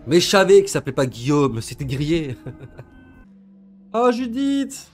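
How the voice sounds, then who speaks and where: A young man from southern France giving casual, slangy reaction commentary with excitable, laughing asides. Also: fairly high pitch, measured pace, faint music behind. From southern France, Gard area. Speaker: reaction video host.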